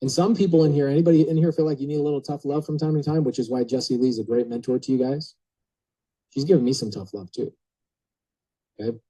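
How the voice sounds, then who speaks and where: A man speaking on a group coaching call, telling an energetic motivational story and talking straight to his listeners. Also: medium pitch, fast, slightly rough, poor audio. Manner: energetic, chatty, addresses listeners directly.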